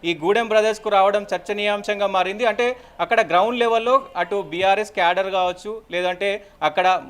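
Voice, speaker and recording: A male reporter with a Telangana Telugu accent delivers an unscripted live news update in halting, repetitive phrases. His voice is high, smooth, and fairly bright in tone.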